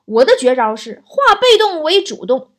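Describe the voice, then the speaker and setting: Female host, high voice, playful and teasing, reads listener messages with comic commentary. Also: big pitch swings, normal speed.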